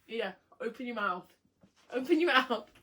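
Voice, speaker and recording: A woman's voice: fairly high pitch, fairly bright tone. Giggly woman chatting over snacks. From United Kingdom. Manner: giggly, playful, laughs a lot. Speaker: vlogger. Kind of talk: casual taste-test chat.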